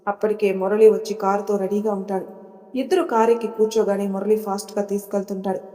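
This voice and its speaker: Mellow-voiced woman narrating an audio story. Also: medium pitch, level tone, fast. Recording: reverberant room.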